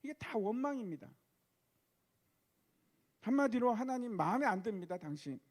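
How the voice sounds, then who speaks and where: A man's voice: very high voice, sing-song, normal speed. A male pastor preaching a sermon, posing rhetorical questions to the congregation.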